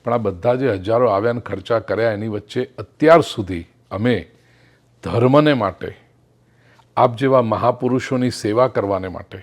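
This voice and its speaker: A middle-aged man giving a spiritual discourse, telling a parable with acted quotes and slowing down for emphatic English phrases. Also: lowish voice. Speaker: spiritual speaker. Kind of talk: Gujarati spiritual discourse with storytelling.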